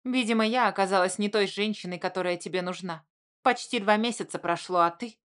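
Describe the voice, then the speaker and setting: A woman's voice: mid-range voice, a little fast, fairly bright tone, natural voice. A woman voicing the heroine, a grown woman who speaks with biting sarcasm. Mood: sarcastic.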